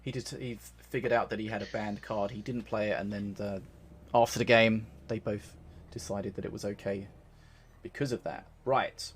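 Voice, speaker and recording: Low-voiced male tournament host. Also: steady tone, moderate pace, a little hiss or hum. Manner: dry teasing humor, runs the show. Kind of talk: live esports commentary.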